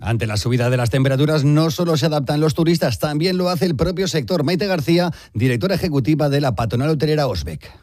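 Male reporter, fast scripted voice-over, fairly high, dry. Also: expressive, a little mellow, no room sound. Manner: quick, polished report delivery. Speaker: news reporter.

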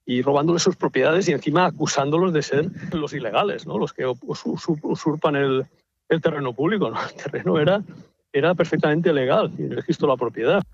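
Indignant husky male spokesman. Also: on the high side, fairly quick, dry recording, dull audio. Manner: indignant, emphatic. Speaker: spokesman of residents' association. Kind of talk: outdoor interview soundbite.

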